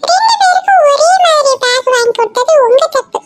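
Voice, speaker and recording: A performer voicing a cheeky schoolboy son who flatters his mother and speaks broken English, with faint music behind. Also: very high voice, fairly quick. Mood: flattering. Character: cheeky schoolboy son, tenth grade, mock-English show-off. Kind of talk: Tamil cartoon comedy dialogue.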